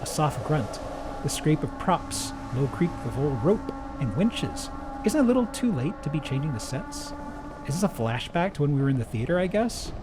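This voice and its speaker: A man's voice: a little high, sing-song, normal speed, very noisy. A man reading video game text aloud as he plays, in a dramatic read-through style. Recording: music behind the voice.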